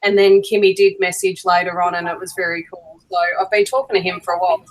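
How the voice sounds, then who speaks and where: A woman's voice: on the low side, level tone, fast talker, poor audio. A woman who makes dolls, chatting casually over a video call and telling little anecdotes with a laugh in her voice. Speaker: doll maker guest.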